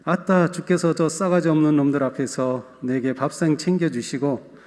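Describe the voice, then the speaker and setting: A man's voice: fairly high pitch, fairly even intonation, normal speed, darkish tone, close to an everyday voice. A pastor voicing a folksy rustic man reciting a psalm with a put-on Jeolla accent, in a playful, drawling way. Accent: Jeolla dialect, put on. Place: church sanctuary. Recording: long church hall reverb.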